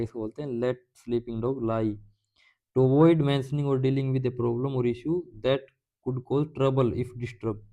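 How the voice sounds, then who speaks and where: A man's voice: medium pitch, warm tone, highs cut off. A man teaching English idioms in a casual lecture. He asks his own questions and answers them, with playful jokes along the way. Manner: explains by asking questions and answering them himself; jokey, playful asides while explaining.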